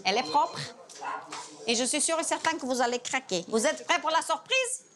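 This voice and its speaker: A woman who handles adoptions, speaking warmly and coaxingly to a visiting family. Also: sits high, moderate pace. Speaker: adoption manager. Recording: crowd noise behind.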